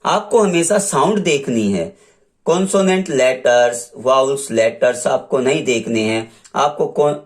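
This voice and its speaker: A man teaching English grammar, who slowly repeats examples and sounds out each letter. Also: mid-range voice. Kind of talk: classroom lesson explaining articles.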